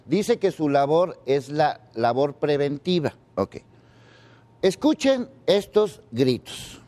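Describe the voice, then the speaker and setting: A man's voice: fairly high pitch, big pitch swings, slow, dark tone. A man giving indignant news commentary, repeating pointed rhetorical questions.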